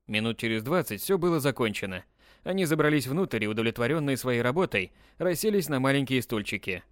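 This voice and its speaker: Lively male audiobook narrator. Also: mid-range voice, brisk, no room sound, studio quality. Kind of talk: scripted narration.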